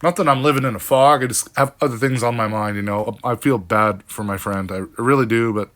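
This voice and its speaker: Rambling bright-voiced older man vlogging. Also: medium pitch, fairly quick. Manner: rambling, frank, with frequent fillers and mild cursing. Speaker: delivery driver vlogger. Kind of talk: casual vlog recap.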